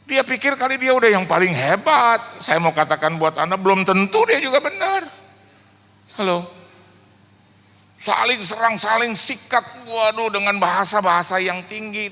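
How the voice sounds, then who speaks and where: A man pastor preaching a sermon in lively storytelling fashion from a church stage, with a reverberant hall around him. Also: high-pitched. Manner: animated storytelling, rhetorical "Halo?" checks.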